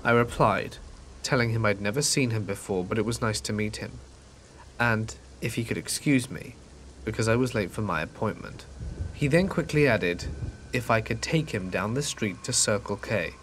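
A man narrating a true scary story in a calm, measured way, dropping quieter at tense moments. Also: lowish voice, slight background noise. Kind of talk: scripted narration.

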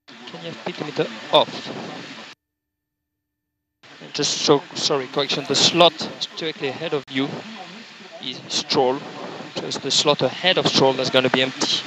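A male race engineer gives instructions over race car onboard radio, repeating them methodically. His mid-pitched voice is creaky and gravelly, filtered through a noisy link with clicks. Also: steady tone, normal speed, long pauses. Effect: team radio filter. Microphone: radio headset.

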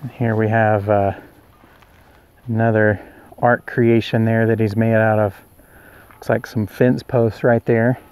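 A vlogger with an Oklahoma accent strolls through a rural yard at a roadside attraction, filming on a handheld camera outdoors and chatting easily as he walks. His voice is lowish and darkish but clean, with a flat, unhurried delivery and frequent pauses.

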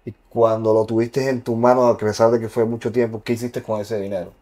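A man's voice: on the low side, little pitch movement, fairly quick, mellow. A man interviewing a singer, asking probing personal questions and pressing with follow-ups. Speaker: interviewer, channel host.

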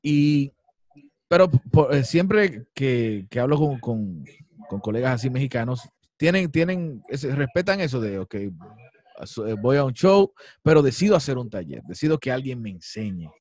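A man's voice: medium pitch, very animated, normal speed, darkish tone, no echo. A man hosting a casual interview with a fellow comedian, chatty and retelling his own reactions with quoted asides. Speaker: interview host.

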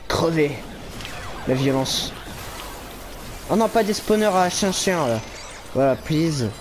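Chatty young gamer, slightly high. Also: male voice, lively intonation, noisy background. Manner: chatty, rambling, lots of fillers and quick laughs. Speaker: gaming YouTuber. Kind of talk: casual let's-play commentary.

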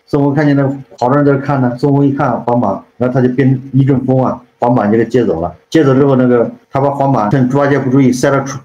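A man's voice: medium pitch, mellow, slight background noise. A man casually retelling a classic novel, rambling with many repeated fillers and tag questions. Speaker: storyteller, channel host. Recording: roomy, slightly dull sound.

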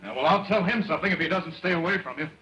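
A man's voice: fairly high pitch, rapid-fire, pushed and bright, dull audio, a little hiss or hum. An actor playing a jealous young stage performer who confronts a woman, in early sound film acting.

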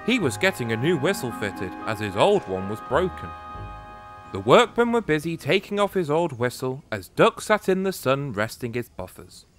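A man narrating a storybook tale about engines in a gentle, unhurried way. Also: mid-range voice.

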